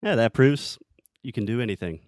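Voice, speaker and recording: A man hosting a casual interview as a relaxed chat with his guest. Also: medium pitch, brisk, dry recording, studio quality. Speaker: host, interviewer.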